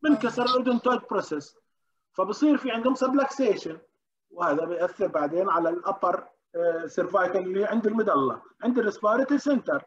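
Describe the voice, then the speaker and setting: A man giving an interactive medical lecture, often questioning the class and pausing with hesitations. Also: high voice. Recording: dull lo-fi recording.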